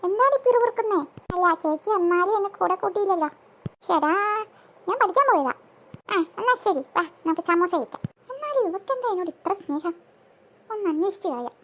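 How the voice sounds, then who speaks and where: A woman's voice: very high-pitched, expressive, a little fast. A performer voicing every role in a family cartoon, switching voices between two sisters, their mother and a friend. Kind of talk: cartoon voice acting.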